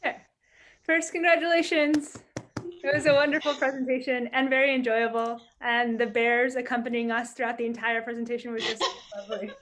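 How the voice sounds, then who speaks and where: A woman's voice: a little high, little pitch movement, a little fast, fairly bright tone. A woman speaking as an audience member at an academic defense, informal and a little tentative in her phrasing. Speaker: audience member asking a question.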